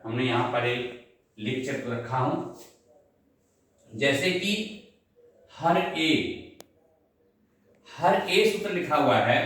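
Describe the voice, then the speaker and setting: A man's voice: medium pitch, fairly bright tone. A man teaching Sanskrit grammar, explaining step by step, spelling out syllables and asking his students questions. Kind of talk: slow classroom explanation. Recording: echoey room, voice from far off.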